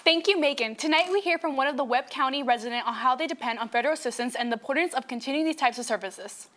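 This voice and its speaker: Young female student anchor, very high voice, rapid read of scripted news. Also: fairly bright tone, a little hiss or hum. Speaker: student co-anchor of mock newscast.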